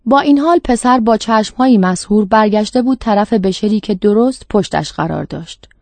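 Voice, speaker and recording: A woman narrating a dark short story in a measured, steady reading. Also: mid-range voice, no room sound. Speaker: audiobook narrator. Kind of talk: scripted narration.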